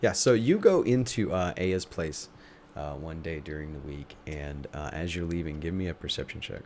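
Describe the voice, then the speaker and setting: A man improvising narration as a tabletop game master, thinking aloud in a halting way. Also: extremely low pitch, animated, a little mellow, a little hiss or hum.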